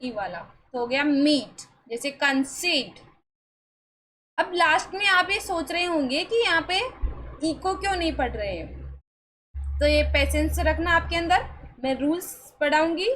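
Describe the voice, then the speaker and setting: A woman's voice: high voice, lively intonation, a little slow, pauses often, a bit bright, low-quality recording. A woman teaching English pronunciation in an online class, asking the students questions and then answering them herself in a coaxing, reassuring way.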